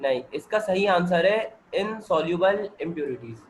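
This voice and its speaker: A hoarse man, working through chemistry multiple-choice questions with a student on a video call and checking that the student follows. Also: sits high, animated, moderate pace, a little hiss or hum, low-quality recording. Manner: explains step by step and keeps checking that the student understands. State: hoarse, with a sore throat and cold. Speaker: chemistry teacher. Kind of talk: MCQ-solving lecture over video call.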